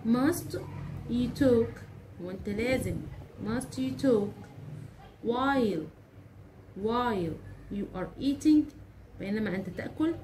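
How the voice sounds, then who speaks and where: A woman teacher with an Egyptian Arabic accent explaining English grammar, saying example sentences slowly and repeating them. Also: fairly high pitch, animated, noisy background. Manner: slow drawn-out English examples, repeats phrases, asks rhetorical questions.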